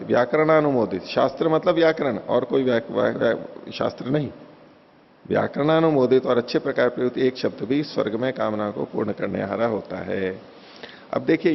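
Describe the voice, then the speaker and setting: A man's voice: mid-range voice, vocal fry. A man giving a Hindi lecture on Vedic philosophy, explaining with everyday examples and the occasional chuckle. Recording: dull lo-fi recording in a reverberant hall.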